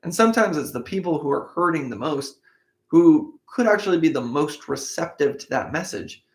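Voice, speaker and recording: A man's voice: fairly high pitch, expressive, normal speed. A man reading scripture aloud and commenting in a casual, conversational way, acting out the people he quotes. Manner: conversational, acts out quoted speakers. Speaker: Bible reading podcast host. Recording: echoey room.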